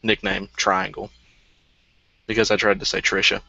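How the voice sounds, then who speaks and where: A man co-hosting a live stream, chatting casually in a halting way, trailing off and restarting. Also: fairly low pitch, little pitch movement, creaky, bright, forceful tone, breathy edge, dry recording. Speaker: co-host of a live stream show. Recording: dull dry lo-fi sound.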